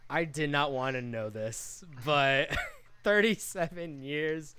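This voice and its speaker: A man's voice: on the high side, takes it slowly, clean tone, no room sound. A man in his twenties, co-hosting a podcast with friends, casual and full of swearing. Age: 20s. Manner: swears a lot, loud outbursts. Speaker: podcast co-host.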